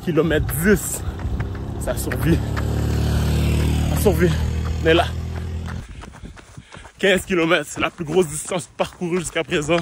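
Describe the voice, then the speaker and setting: Running along an outdoor road while sick and winded, a Quebec French-accented man speaks to his phone camera for a casual vlog, sprinkling in English slang. His voice is a little high, measured, with frequent pauses over music, and there is loud outdoor noise.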